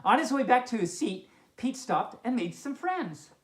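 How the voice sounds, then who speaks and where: In an echoing indoor room, a woman with a slightly high voice reads to children as a friendly pup, her pitch swinging broadly at a moderate pace. Expressive reading alternates with amused, chatty remarks.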